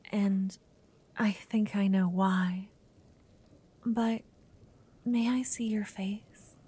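Woman doing a nervous young noble lady, all hushed whispers, slow and warm. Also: medium pitch, slightly rough. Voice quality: soft whisper. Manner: hesitant, stammering. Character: shy, nervous young noblewoman meeting her betrothed. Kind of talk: whispered ASMR roleplay.

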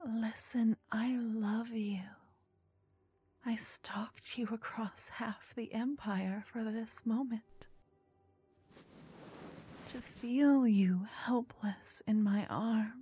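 A woman playing an obsessive, lovestruck fantasy stalker in a sultry, breathy, soothing ASMR role-play, tender and possessive. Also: fairly high pitch, steady tone, full character voice. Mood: yearning, possessive. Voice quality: breathy, soft. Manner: sultry, breathy, slow, soothing narration to the listener.

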